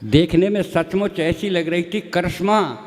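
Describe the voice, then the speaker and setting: A high-voiced man tells folksy comic stories on a live stage, slipping into the voices of the people in them. His voice rings out with a long hall reverb. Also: a little slow, a faint crowd. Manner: folksy, plays many characters in dialogue. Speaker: stage comedy poet. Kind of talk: comic storytelling at a live poetry show.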